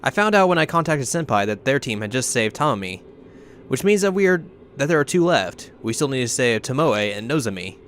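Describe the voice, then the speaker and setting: A male let's player reads game text dramatically and drops in joking commentary. His mid-range voice is very animated, with a faint noise behind it. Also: medium pitch, a little fast.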